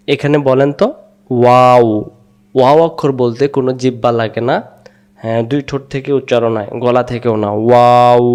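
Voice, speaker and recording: A man teaching Quranic Arabic letter pronunciation, repeating syllables slowly and patiently so learners can echo them. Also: mid-range voice, darkish tone.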